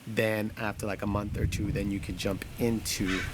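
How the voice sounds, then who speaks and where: A man's voice: on the low side, flat delivery, moderate pace, background noise. A man chatting casually to viewers as a vlogger, informal, blunt and self-mocking.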